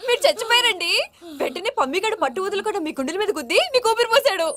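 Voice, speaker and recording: An actress playing a fussing, pleading mother in a film comedy scene, loud and theatrical. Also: very high-pitched, animated, very fast, over a noisy crowd. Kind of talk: Telugu film comedy acting. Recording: film soundtrack with loud music.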